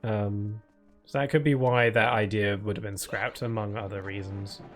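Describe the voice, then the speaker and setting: His voice is on the low side and fairly even, moving at normal speed with soft music behind. Streaming a game, he talks loosely to viewers and answers their chat aloud, with many fillers and restarts, in what he calls a permanent cold voice.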